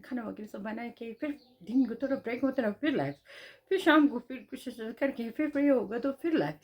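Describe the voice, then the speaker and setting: A woman's voice: on the high side, muffled recording. A Tibetan woman with a Tibetan accent, telling a personal story in a chatty vlog, repeating phrases and tagging questions as she goes. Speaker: vlogger.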